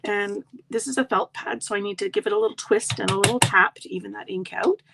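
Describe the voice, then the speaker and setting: A middle-aged woman demonstrates card making in a live tutorial, talking quickly in a medium-pitched, gravelly, slightly froggy voice. She is chatty and friendly, with asides to viewers, and heavy background noise fills the recording.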